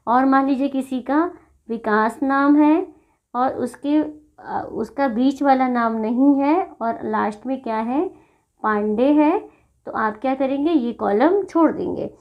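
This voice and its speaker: A woman teacher talks through a classroom lesson at a very unhurried pace, repeating each sound so her pupils can follow. Her voice sits a little high. The recording is somewhat dull and lo-fi. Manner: slow, patient, repeats sounds for pupils to copy.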